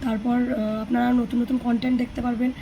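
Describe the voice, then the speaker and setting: A hoarse, high-voiced woman with a Bengali accent chats to her viewers in a family vlog. She sounds like she is talking into a phone camera at home, and faint noise hums behind her. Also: little pitch movement, brisk, lo-fi sound. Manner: coaching a child through yoga, counting aloud. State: hoarse from a cold. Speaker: family vlogger. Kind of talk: casual vlog talk to viewers.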